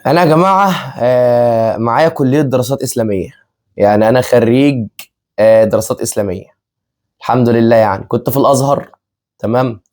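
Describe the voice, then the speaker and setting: A fast-talking young man in his twenties, whose medium-pitched voice has a darkish tone, co-hosts a family vlog. His Egyptian Arabic accent comes through as he chats casually, laughing often and going over the same points repeatedly.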